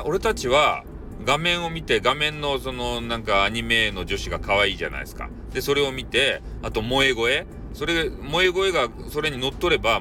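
Guy with a kyushu accent chatting away solo, pitch all over the place, a bit far from the mic, music on. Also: sharp tone. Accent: Kyushu Japanese. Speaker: solo host of a casual audio show. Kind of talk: casual rambling monologue.

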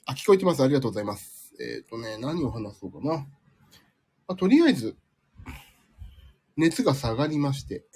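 A man's voice: medium pitch, big pitch swings, a little fast, long pauses, dark tone, slightly rough. A man hosting a casual live stream from home, chatting with listeners in a sleepy, rambling, self-deprecating way, slightly nasal from a cold. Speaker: livestream host.

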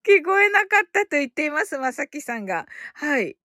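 A high-voiced woman chats casually to her live-stream listeners, bubbly and quick to laugh as she reads their comments aloud. The sound is dry and close, with no room around her. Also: big pitch swings, pushed and bright, no room sound. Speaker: host of a live audio broadcast.

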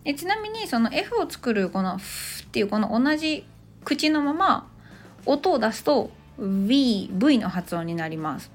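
A woman in her thirties gives a relaxed English lesson, chatting her way through each point with plenty of little fillers. Her voice sits a bit high and swings up and down a lot as she explains, with faint music behind her. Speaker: English teacher and podcast host. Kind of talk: casual spoken English lesson.

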